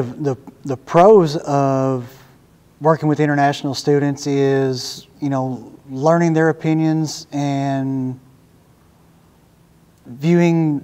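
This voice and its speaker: Man, interview subject, mellow and smooth, reflective and halting; echoey room. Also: fairly high pitch. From Arkansas, USA. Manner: thoughtful, searching for words with fillers. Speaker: interviewee working with international students. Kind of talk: casual interview answers. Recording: echoey room with long reverb.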